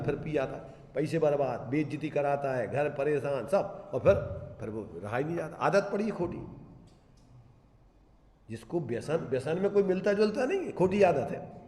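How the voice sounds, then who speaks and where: A man giving a Jain scripture discourse, asking his listeners rhetorical questions and slowly chanting verse lines. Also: on the high side, darkish tone. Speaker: Jain religious teacher. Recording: echoey hall.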